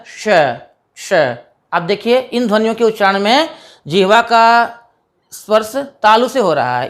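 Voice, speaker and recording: Patient woman teaching pronunciation. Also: mid-range voice. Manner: patient, demonstrates sounds aloud one by one; asks and answers her own questions. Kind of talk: explanatory grammar lesson.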